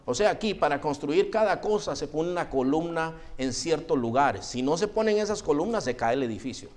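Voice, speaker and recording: Pastor preaching, slightly high voice. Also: male voice, lively intonation, a little fast, darkish tone. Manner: addresses the congregation as "hermano" over and over; preachy, admonishing, direct to listeners. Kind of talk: sermon.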